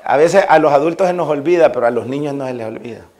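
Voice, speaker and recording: A man's voice: mid-range voice, fast talker, a little mellow. A male pastor with a Salvadoran accent preaching a sermon to a congregation, telling homely personal stories and driving home his points with emphasis. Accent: Salvadoran Spanish. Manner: folksy anecdotes addressed to listeners, rising to emphatic preaching.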